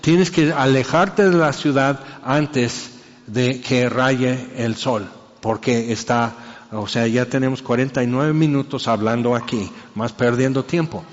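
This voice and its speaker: Chatty preacher in a reverberant hall. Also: male voice, medium pitch, unhurried, dull audio. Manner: conversational, acts out voices and jokes. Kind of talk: sermon.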